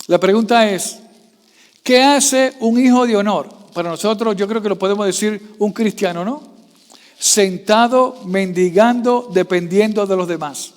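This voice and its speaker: A male pastor preaching a sermon, quizzing the congregation with constant questions and swinging from soft asides to loud raised passages. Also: sits high, unhurried, in a large hall. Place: church.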